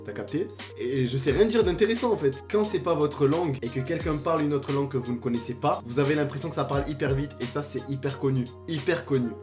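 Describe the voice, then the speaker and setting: A man's voice: on the high side, fast talker, darkish tone, faint music behind. A young man telling travel stories in a casual vlog, slangy and jokey, with exaggerated asides. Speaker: vlogger.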